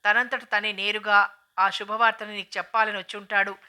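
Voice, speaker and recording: A woman's voice: mid-range voice, level tone, brisk, bright, forceful tone. A woman reading the lines of an outspoken, affectionate young sister-in-law who scolds and teases. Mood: scolding.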